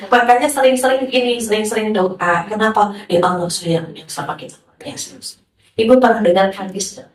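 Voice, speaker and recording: A woman preacher giving a sermon to a gathering, talking in a lively way and asking many rhetorical questions. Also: mid-range voice, moderate pace. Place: hall with a listening audience. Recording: roomy, from a distance.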